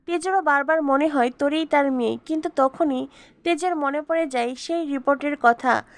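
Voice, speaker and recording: A woman reading a scripted story recap in an even, steady way. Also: high voice, moderate pace, no echo. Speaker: narrator.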